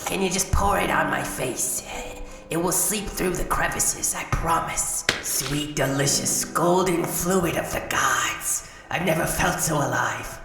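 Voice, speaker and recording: A woman's voice: low voice, a little slow, gravelly. A woman voicing a battered old pleasure robot in a video game, boozy, crude and touchy, with a streetwise, stammering delivery. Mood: boozy, pleading. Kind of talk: video game character acting. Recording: echoey hall with music. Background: music.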